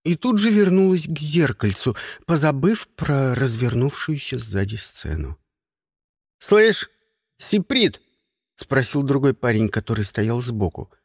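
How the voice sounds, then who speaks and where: A man reading a first-person story aloud in an expressive, lively way. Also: medium pitch, moderate pace, husky, no room sound, clean studio sound. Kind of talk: audiobook narration, first person.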